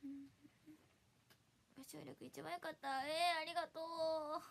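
A woman's voice: sits high, fairly even intonation, unhurried, vocal fry. A young woman from Hiroshima with a Hiroshima accent, chatting casually with viewers on a livestream, giggly and bubbly with frequent laughter. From Hiroshima, Japan. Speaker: idol livestreamer. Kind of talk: casual livestream chat reading viewer comments.

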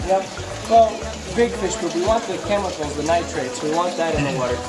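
Middle-aged man, halting tour guide, outdoor farm, handheld camera, loud music underneath. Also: on the high side, expressive, poor audio. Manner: halting, many fillers and restarts. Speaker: fish farm owner giving a tour. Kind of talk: casual walking tour explanation. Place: outdoor covered fish farm. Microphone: handheld camera nearby. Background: loud music added over the talk.

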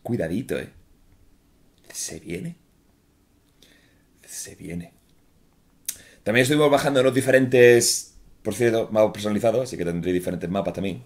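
Low-pitched Castilian man, chatty gaming streamer. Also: quick pace. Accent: Castilian Spanish. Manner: chatty, jokey, informal. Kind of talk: casual gameplay commentary. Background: game music.

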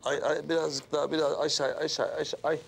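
A man's voice: a little high, flat delivery, quick pace, gravelly, husky. A man in a TV comedy, whining and complaining as he itches. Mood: whiny. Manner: whiny, complaining. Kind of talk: TV comedy acting.

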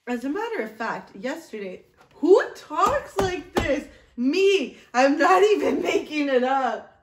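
Her voice is high-pitched and sing-song, and she speaks slowly over a noisy background. The vlog host, a woman in her thirties, reads from an old journal and chats with self-mocking humor at a table in a small, echoey indoor room.

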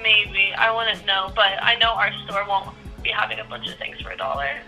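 A woman's voice: mid-range voice, fairly even intonation, moderate pace, bright, forceful tone, faint music behind. A woman working at a store, patiently explaining things over a speakerphone in casual customer service talk. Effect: phone speaker. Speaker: store employee answering phone. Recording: phone call heard through speakerphone.

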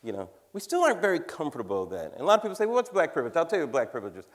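A man in his fifties talks on a large theater stage, his fairly high voice swooping up and down as he teases the audience. He is wry and conversational and laughs at his own jokes. The sound comes from a stage mic. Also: huge pitch swings, rapid-fire. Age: 50s. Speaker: comedian and cultural commentator. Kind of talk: stand-up style talk on stage.

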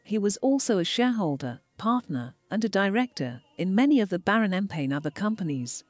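A woman reading scripted documentary narration for a walking tour, steady and phrase by phrase. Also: mid-range voice, fairly quick, no room sound.

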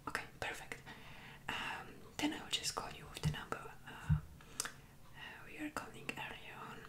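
Young woman's whispered role-play as librarian. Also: moderate pace. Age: young adult. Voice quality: soft unvoiced library whisper. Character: helpful, chatty young librarian serving a visitor. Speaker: ASMR creator playing a librarian. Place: small indoor room at home. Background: computer keyboard typing.

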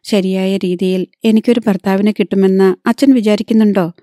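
Woman voicing a gentle, sad young daughter. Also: medium pitch, fairly even intonation, fairly quick, no room sound, clean studio sound, close to an everyday voice. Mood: gently pleading. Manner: gentle and pleading.

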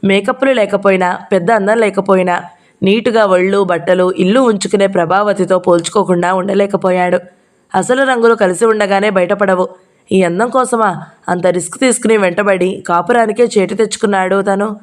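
A woman narrating a short story in a steady, measured storytelling manner. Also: medium pitch. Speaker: audiobook narrator.

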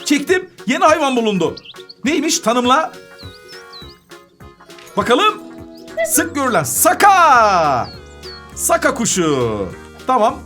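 A woman's voice: sits high, sing-song, measured pace, long pauses, a bit bright, soft background music. A woman hosting a children's gaming channel, chatting playfully through a game, humming little tunes and giggling. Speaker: kids' gaming channel host.

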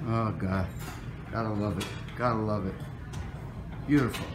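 A vlogger with a lowish, steady voice films a casual walk-through of a restaurant buffet on a handheld phone, speaking at normal speed over background music. He chats and mutters to himself while choosing food.

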